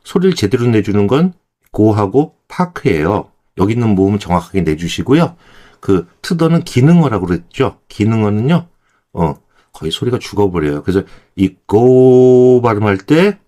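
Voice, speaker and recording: Male Korean pronunciation teacher, low and expressive, patient and step by step. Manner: demonstrates words slowly, then repeats them. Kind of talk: explanatory lesson.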